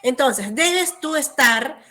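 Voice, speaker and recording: High-pitched young woman teacher, patient lecturing delivery, frequent check-ins with students. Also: expressive, slow pace, bright, forceful tone. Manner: explanatory, checks in with tag questions. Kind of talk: online class lecture.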